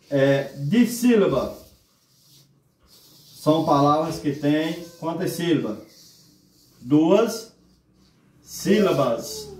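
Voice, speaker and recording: A man's voice: medium pitch, recorded from a distance, a little hiss or hum. A male teacher who takes his time and asks his class questions, drawing each word out one syllable at a time. His voice sits a bit away from the mic in a roomy, echoing space. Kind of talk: grammar lesson. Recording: echoey room, voice from off mic.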